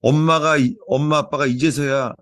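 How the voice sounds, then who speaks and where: Korean pastor, dry close sound. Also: male voice, on the high side, steady tone, normal speed, fairly bright tone, dry recording. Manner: earnest, storytelling, many repetitions. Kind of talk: sermon with opening prayer.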